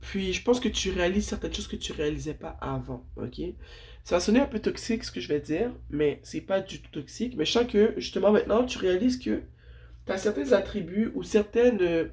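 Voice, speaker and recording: A woman's voice: mid-range voice, lively intonation, brisk, warm tone. Congested, sniffly woman giving tarot guidance. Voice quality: congested, nasal. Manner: informal, affectionate address to viewers. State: sick with blocked, sniffly nose. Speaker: tarot reader. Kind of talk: casual spiritual guidance chat.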